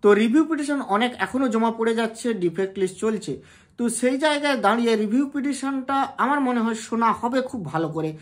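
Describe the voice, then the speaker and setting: A woman, hosting an education channel and explaining a legal issue to camera in a measured way, pausing often on hesitation sounds and asking rhetorical questions. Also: a little high, animated.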